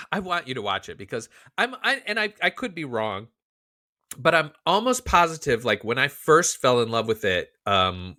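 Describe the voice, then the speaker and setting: A man co-hosting a podcast in casual chat, talking with animated, profane rants. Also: lowish voice, dry recording, clean studio sound. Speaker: podcast co-host.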